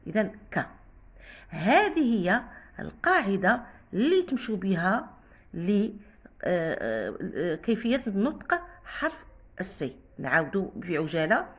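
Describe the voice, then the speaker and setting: A woman teaches in a casual spoken lesson, her pitch rising and falling in a lively way. Her voice has a soft, breathy edge. She patiently repeats and spells out each sound. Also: moderate pace.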